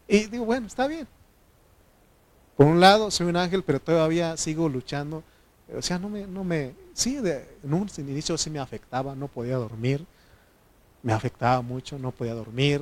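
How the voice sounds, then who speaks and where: The sermon is casual and conversational, preached by a man with a mid-range voice who uses filler pauses and says amen to his congregation again and again.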